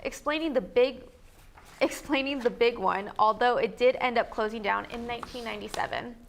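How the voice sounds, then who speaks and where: A woman's voice: a little high, brisk, gravelly. Upbeat young woman co-hosting local news. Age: young adult. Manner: upbeat, jokey read with small stumbles. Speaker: student news co-host. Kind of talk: scripted local news feature.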